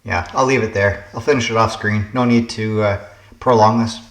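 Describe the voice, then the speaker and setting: A man's voice: on the low side, steady tone, moderate pace, a bit bright, reverberant. A man hosting a puzzle game channel, casually thinking aloud through word puzzles, musing and hesitating as he guesses.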